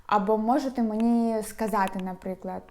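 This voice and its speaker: A young woman with an upbeat manner who teaches a language lesson and repeats each phrase slowly so learners can follow. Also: mid-range voice, fairly even intonation, darkish tone. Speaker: Spanish teacher.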